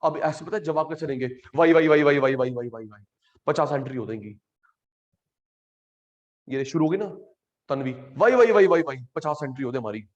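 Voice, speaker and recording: A man with an Indian accent teaching an online class, animated and teasing, mixing English terms into Hindi. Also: on the high side, muffled recording.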